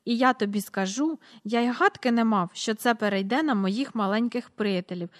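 A woman reading a storybook aloud, voicing a jolly, giggly old gentleman who keeps bursting into laughter. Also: a little high, normal speed, natural voice. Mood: apologetic.

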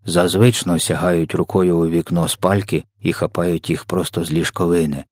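A man doing a gentle muddled giant. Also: low-pitched, steady tone, normal speed, dry recording, clean studio sound, voice pushed down. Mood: explaining. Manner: soft, muddled, made-up words. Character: kindly big male giant, soft-spoken, mangles words. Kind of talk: audiobook reading.

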